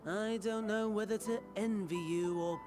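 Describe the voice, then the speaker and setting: A scheming video game villain with a high, mannered voice. He is courtly and mocking, savoring formal phrases with dramatic pauses while music plays clearly behind him. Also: steady tone. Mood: mocking amusement. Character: scheming theatrical male villain, courtly, mocking, morbidly delighted.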